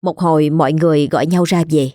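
A woman's voice: sits low, steady tone, fast talker, warm tone, no room sound, clean studio sound. A woman, steadily narrating a ghost story.

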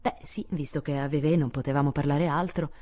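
A woman's voice: deep voice, fairly even intonation, fairly quick. A woman voicing a shy, polite teenage boy. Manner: polite, reserved, softly spoken. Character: polite, shy fifteen-year-old boy.

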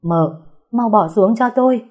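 A woman's voice: on the low side, fairly quick, dark tone, slightly rough. A woman reading a novel aloud voices a scheming young maidservant who threatens with menace. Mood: commanding. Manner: menacing, commanding.

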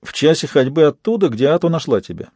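A man narrating an audiobook voices a serious young boy who speaks curtly and gravely. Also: on the high side, sing-song, quick pace, a little mellow, dry recording, exaggerated voice. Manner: curt, grave.

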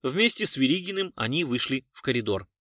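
A male audiobook narrator reading in an even, measured style at a middle pitch. He is close on the mic in a dry, dead room. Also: dry recording. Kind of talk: scripted narration.

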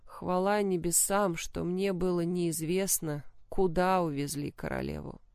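Woman doing a dying young beggar woman, hoarse croak, weak and hushed, lower voice, dry close sound. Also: fairly even intonation, a little slow, no echo. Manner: weak and quiet, pleading. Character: tortured dying young woman beggar, former lady-in-waiting.

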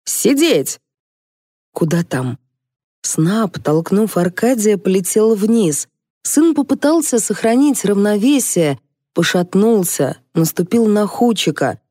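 Woman narrating a comic audiobook, dark tone. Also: mid-range voice, measured pace, no room sound, studio quality. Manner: lively, ironic storytelling. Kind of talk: first-person audiobook narration.

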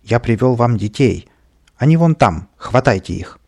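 A man's voice: medium pitch, lively intonation, moderate pace, slightly rough. A man playing a bossy, bratty little boy tyrant. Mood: bossy shouting. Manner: loud, stamping, demanding.

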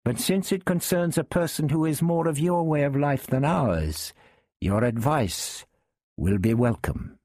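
A man voicing a shrewd, commanding male sultan who speaks in a measured, deliberate way. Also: on the high side, a little mellow, no room sound, studio quality, voice pushed up.

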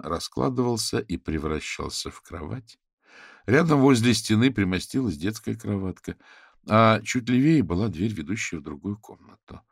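A man with a low, gravelly voice reads a novel aloud as an audiobook narrator. The sound is dry and close, with no room around him, and he tells the story steadily. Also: dry recording. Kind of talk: scripted narration.

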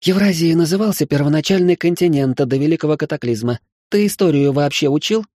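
A man's voice: on the high side, brisk, dark tone, dry recording, studio quality, pitched above the performer's own voice, lightly acted. A man voicing a curious, amused young woman in an audiobook, speaking lightly. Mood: calm, explaining.

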